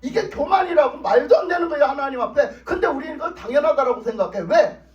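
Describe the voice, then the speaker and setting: Male pastor, emphatic revival sermon, high lively voice, echoey church, distant dull mic. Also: fast. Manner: emphatic, repetitive, colloquial preaching. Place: church sanctuary.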